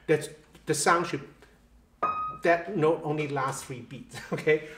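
Patient piano teacher, slightly high voice. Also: male voice, steady tone, takes it slowly. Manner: patient, repeats "okay?", counts beats aloud. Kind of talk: one-on-one music lesson. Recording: roomy echo with faint piano.

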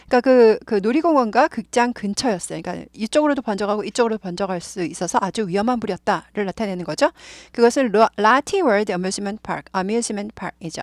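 A woman's voice: mid-range voice, no room sound, studio quality. A woman teaching an online English lesson, explaining words and repeating them over and over for listeners to follow. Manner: animated, repeats words for drilling.

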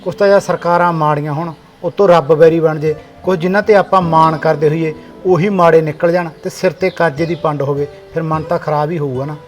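A man's voice: a little high, steady tone, brisk, soft background music. A young man with a Punjabi accent acting a farmer son in a village drama, scolding and complaining.

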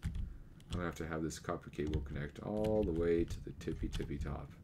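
Very deep-voiced man narrating his gameplay. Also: brisk, background noise. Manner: rambling, self-correcting, thinking aloud. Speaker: let's play gamer. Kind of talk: casual gameplay commentary. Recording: keyboard clicks and typing audible. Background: computer keyboard clicking.

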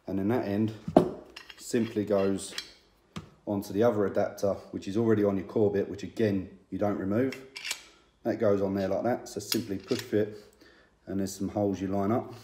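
A man's voice: lowish voice, warm tone, reverberant, slight background noise. A man in his thirties, a tradesman, giving a casual, plain-spoken review to camera with many ums, recorded on a phone in a small indoor room.

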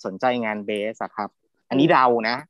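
A man's voice: fairly low pitch, moderate pace, fairly bright tone, dry recording, dull audio. A man on a theatre panel, talking casually over a video call and thinking aloud with many fillers.

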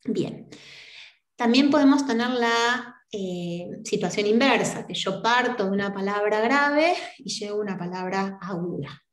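A woman's voice: mid-range voice, expressive, a little slow, roomy sound. An Argentine woman teaching a university class, explaining step by step and often checking in with her students. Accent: Argentine Spanish. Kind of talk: online lecture.

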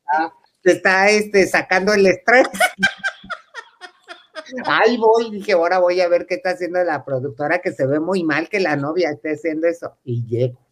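A man's voice: sits high, very animated, normal speed, a bit bright, a little hiss or hum. A man with a Mexican accent telling a comic wedding story in a camp, chatty way, often laughing and acting out the voices of the people he quotes. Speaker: comedic storyteller. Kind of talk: comic anecdote told to a live audience.

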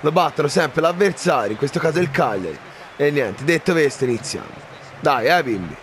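A man commentating his own football game, excitable, shouting at chances and swearing at misses. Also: fairly high pitch, brisk, slight background noise. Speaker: gaming YouTuber.

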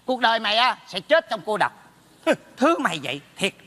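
A man's voice: sits high, very animated, sharp tone, exaggerated voice. A man playing a meddling neighbor in a stage comedy sketch, brash and teasing. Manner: brash, teasing, rapid scolding. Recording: stage hall with long reverb.

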